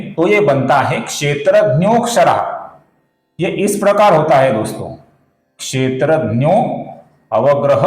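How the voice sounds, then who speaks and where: A man with a Marathi accent teaching Sanskrit pronunciation, speaking slowly and deliberately and repeating each syllable for his viewers. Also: fairly high pitch, echoey room. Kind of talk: recitation lesson.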